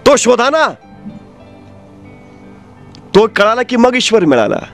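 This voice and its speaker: A man giving a motivational speech, telling a story with rhetorical questions and dramatic swings between loud and soft. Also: very high-pitched, sing-song, takes it slowly, gravelly, faint music behind. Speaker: motivational speaker.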